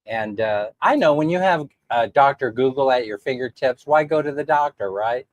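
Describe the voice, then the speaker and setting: A man's voice: medium pitch, animated, moderate pace, no room sound. A man talks casually to his livestream viewers, his voice throaty and clogged by a sore throat. He sounds congested and under the weather. The sound is dry and close, with little room around it. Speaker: livestream host.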